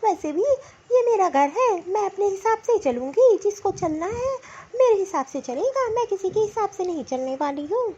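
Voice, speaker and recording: A woman voicing a defiant, sharp-tongued young daughter in a cartoon, speaking scornfully. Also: very high voice, big pitch swings, moderate pace, few pauses, highs cut off. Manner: scornful, complaining. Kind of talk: Hindi cartoon voice acting.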